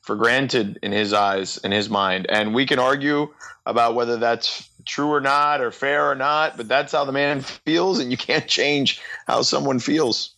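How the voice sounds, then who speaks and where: A man's voice: medium pitch, steady tone, unhurried, gravelly, bright, forceful tone, poor audio. A man guesting on a podcast, giving casual, emphatic sports commentary in short repeated phrases.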